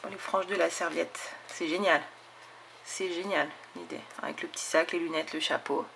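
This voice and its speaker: Fairly low and creaky, her voice is fairly bright, moves at a moderate pace with fairly even intonation, and carries slight background noise. She's a scrapbooking channel host casually showing her viewers the craft mail she received, eager and talkative, full of fillers and "hop".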